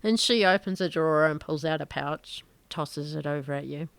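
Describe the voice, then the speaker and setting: A woman running a tabletop game as game master, narrating and speaking for a governor in a firm, measured way. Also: sits low, vocal fry, clear, resonant tone, dry recording.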